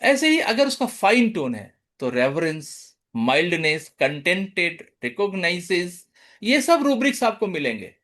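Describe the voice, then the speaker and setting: A homeopathy lecturer gives an online lecture in a high, lively male voice, speaking a little slowly. He mixes English terms into his explanations and animatedly acts out how patients talk.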